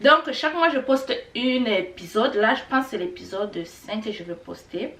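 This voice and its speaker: Animated and fairly bright, her higher-leaning voice keeps a normal speed as this middle-aged Rwandan teacher runs through Kinyarwanda words in a relaxed vlog. She is chatty and repetitive with plenty of fillers, and the echoey room and distant mic are audible.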